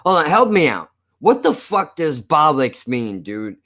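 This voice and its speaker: An American man with a rather high, sharp-toned voice chats unhurriedly on a live stream, his pitch swinging widely. He's blunt, profane, and self-deprecating, and his slightly slurred, lisping speech sounds as if he's missing teeth.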